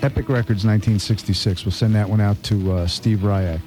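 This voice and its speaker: In a radio studio with music playing behind him, a middle-aged American freeform DJ chats casually, spinning wry, rambling, repetitive stories. His voice sits on the low side with a steady tone and brisk pace, and the broadcast mic recording sounds rough.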